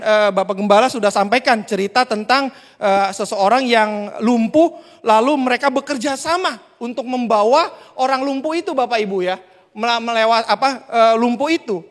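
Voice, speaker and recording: A male preacher giving a sermon, telling a lively story and talking directly to the congregation. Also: extremely high pitch. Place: church hall. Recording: reverberant church hall.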